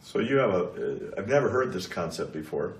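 Male political interviewer, low register, measured and piecemeal phrasing, picked up from a distance. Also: very animated. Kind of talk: political interview, probing questions. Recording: echoey room, distant mic.

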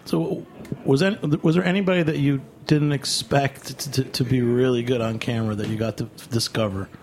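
A man's voice: mid-range voice, fairly even intonation, normal speed, darkish tone, a little hiss or hum. A man hosting a casual interview, prodding with short questions and repeating his words as he goes. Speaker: interviewer, show host.

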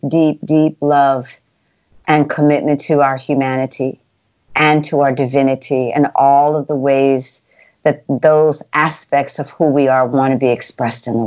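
A woman, a guest coach, answering interview questions in measured, affirming declarations. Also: sits low, clear, resonant tone.

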